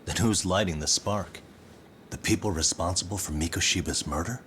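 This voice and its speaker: A very deep-voiced, guarded detective. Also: male voice, normal speed, a bit bright, slight background noise. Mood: serious, questioning. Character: guarded, dry-witted male private detective, unimpressed. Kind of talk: English video game voice acting. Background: guitar music.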